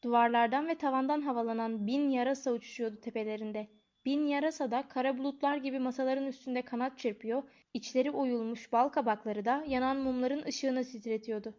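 A woman narrating a storybook in a calm, even reading voice. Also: high-pitched, brisk. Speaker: audiobook narrator. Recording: dull lo-fi recording.

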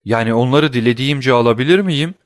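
A man voicing a humble, eager male prison doorkeeper in a storybook reading, speaking in a deferential, excited way. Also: mid-range voice, quick pace, no echo, clean studio sound, close to an everyday voice.

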